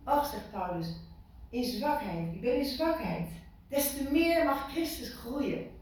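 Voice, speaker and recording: A woman giving an informal sermon to a small group, lively and full of questions to her listeners, repeating words for emphasis. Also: sits high, slow. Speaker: preacher. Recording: echoey room from far off, faint noise.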